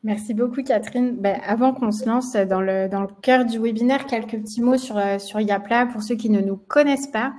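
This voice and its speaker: Hosting a live webinar, this marketing manager from France speaks with a French accent in a somewhat high, steady, slightly mellow voice. She talks at normal speed with hardly any pauses, though a slight frog sits in her throat. Fillers are frequent, and she often backs up and starts her sentences over.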